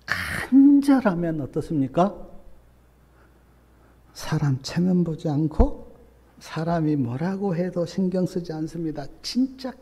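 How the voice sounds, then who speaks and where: Pastor preaching in a reverberant hall. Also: male voice, expressive, takes it slowly, long pauses, slight background noise. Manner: swings between soft, low asides and loud, emphatic appeals. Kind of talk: sermon. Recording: long reverb of a church hall.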